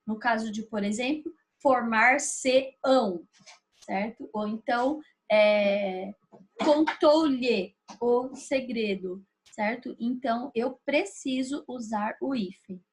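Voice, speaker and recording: A woman teacher with a Brazilian Portuguese accent, patiently explaining a grammar lesson step by step and checking in with her students. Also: on the high side. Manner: patient, explaining step by step with frequent tag questions.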